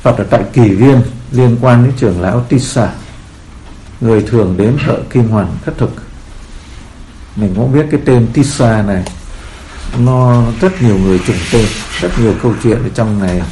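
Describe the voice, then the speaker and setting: A man's voice: medium pitch, normal speed, dark tone, slight background noise. A man as a Buddhist teacher giving a sermon, telling stories in a rambling way with many fillers, in a roomy echo.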